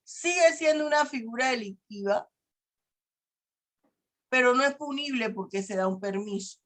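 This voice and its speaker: A woman's voice: on the high side, normal speed, fairly bright tone. A woman law lecturer explaining step by step, acting out a first-person example for her students. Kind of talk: university lecture.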